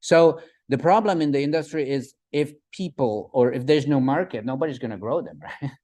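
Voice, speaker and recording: Man, guest lecturer, halting delivery, many fillers, middle pitch. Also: mellow. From Czech Republic. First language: Czech. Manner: halting, many fillers and restarts, asks "right?". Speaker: guest speaker at a gardening talk. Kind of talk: presentation with slides.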